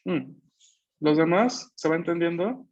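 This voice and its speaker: A man's voice: fairly high pitch, lively intonation, a little slow, a little mellow. A man teaching an online language class, explaining patiently, repeating key points and checking that students follow. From Peru. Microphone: video call. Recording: slightly muffled video-call audio.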